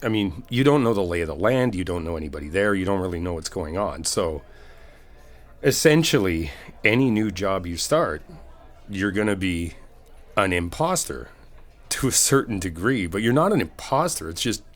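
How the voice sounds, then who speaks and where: An audio roleplay performer with a low, expressive voice plays a supportive, easygoing best friend giving a pep talk in a casual ASMR comfort roleplay, speaking at a normal speed. He talks conversationally to one listener, reassuring and explanatory, often rephrasing hesitantly.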